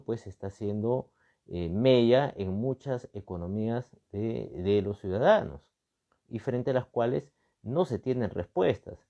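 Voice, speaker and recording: This political and constitutional commentator from Peru has a warm, lowish voice and a Peruvian accent. His extemporaneous analysis leans on emphatic repetition, rhetorical questions, and frequent tag words, all captured on a muffled recording.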